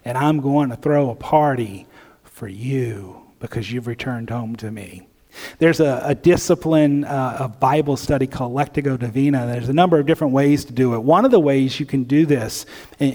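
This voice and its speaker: A man's voice: medium pitch, a little mellow. A man preaching a sermon in an earnest way, with hesitant fillers and restarts, sometimes acting out imagined inner voices. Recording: long reverb of a large hall.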